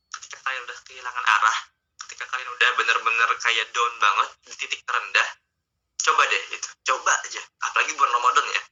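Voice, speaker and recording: A man's voice: medium pitch, pushed and bright. A male Islamic teacher giving a casual online religious talk, speaking conversationally and coaxing his listeners directly. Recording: dull lo-fi online stream audio.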